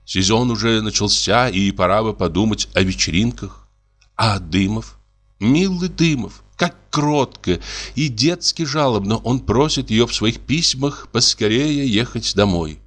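A male narrator reads a classic story in a measured, expressive voice. His pitch sits on the low side. The style is polished audiobook narration.

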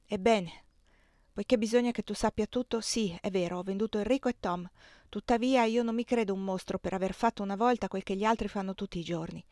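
A woman voicing a troubled middle-aged plantation owner who speaks in a low, subdued, reluctant way, in a dry recording. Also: a little fast, mellow, dry recording, lightly acted. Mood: defensive.

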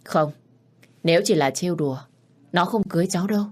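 A woman's voice: fairly low pitch, a little fast, breathy edge. A woman voicing a weary older mother who gives grave advice.

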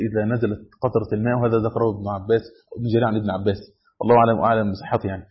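A husky-voiced man with an Egyptian Arabic accent gives a classroom lecture at a quick clip. He draws out key words and keeps quizzing his listeners. The recording is dull and lo-fi. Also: medium pitch. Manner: asks students questions, then answers himself. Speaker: sheikh teaching a text.

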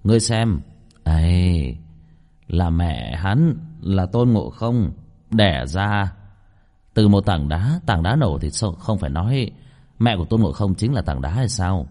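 A man's voice: sits low, lively intonation, unhurried, dark tone, heavily acted. A man voicing a cheeky young man who teases and mocks in a smug tone. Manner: mocking, smug. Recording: long reverb.

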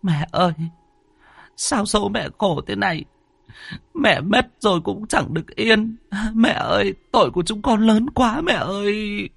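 A man voicing a grieving middle-aged village woman in a ghost story, with high pleading cries. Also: sing-song, brisk, breathy edge, dry recording, full character voice. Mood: wailing. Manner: wailing, high-pitched pleading.

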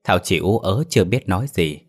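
A male storyteller, reading a narrated village tale in a steady, measured way. His voice sits very low and even. It sounds like an audio story narration.

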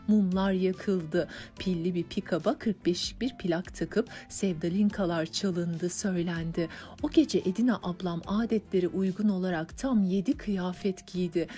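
A woman narrating an audiobook in an even, measured reading. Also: on the low side. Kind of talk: scripted narration.

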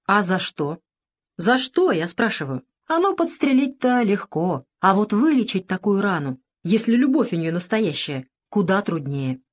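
A woman voicing a gruff older male former political officer who grumbles and lectures, in a storybook reading. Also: medium pitch, very animated, moderate pace. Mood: grumbling.

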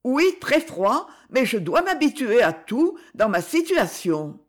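A woman voicing a timid, polite young woman who is a poor relative, speaking softly and hesitantly in a storybook reading. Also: a little high, sing-song, slow, pitched above the performer's own voice, full character voice. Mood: shy polite.

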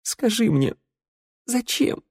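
A man's voice: sing-song, slow, darkish tone, slightly rough, no echo, clean studio sound, heavily acted. A man voicing a distraught, tearful young woman who screams and sobs in an audiobook. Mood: bitter. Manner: sobbing, shrill, screaming.

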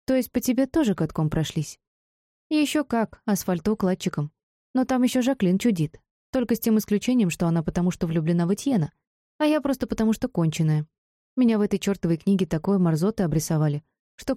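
A woman voicing a brash, foul-mouthed young female student with a sharp, mocking manner, in an audiobook. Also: medium pitch, lively intonation, quick pace, no echo, studio quality, natural voice. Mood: scathing. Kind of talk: audiobook character voice.

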